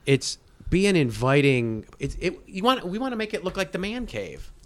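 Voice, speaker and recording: A man's voice: high-pitched, sing-song, normal speed, a bit bright. A man in his mid-fifties, a guest in a casual interview. He explains things at length in a rambling way, often breaking off and restarting his sentences. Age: 50s. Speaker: guest, state agency head.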